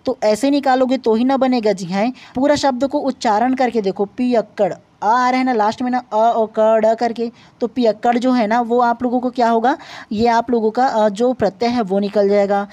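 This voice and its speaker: A woman's voice: a little high, steady tone, moderate pace, warm tone, dry recording. A woman with a Chhattisgarh accent, teaching an exam-prep grammar lesson, patiently explaining and checking in with the class again and again. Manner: patient, repetitive explaining with tag questions. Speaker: Hindi language teacher.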